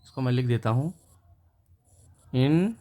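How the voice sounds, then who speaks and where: A man's voice: on the high side, normal speed. A man teaching English vocabulary, repeating each word before giving its meaning and synonyms. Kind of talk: explaining words and synonyms to viewers.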